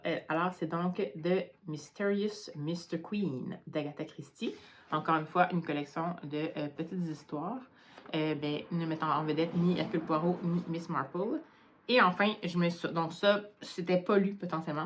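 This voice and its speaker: A woman's voice: low voice, moderate pace, dull audio, slight background noise. A tired woman with a Quebec French accent chatting hesitantly at home in a casual book vlog, with many fillers. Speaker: book vlogger.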